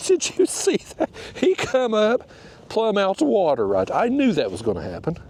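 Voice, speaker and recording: A kayak fishing channel host, nasal and stuffed up from a cold wind, talks casually to viewers and the fish while paddling a river outdoors. His voice is high and husky with a darkish tone, swinging hugely in pitch at a moderate pace.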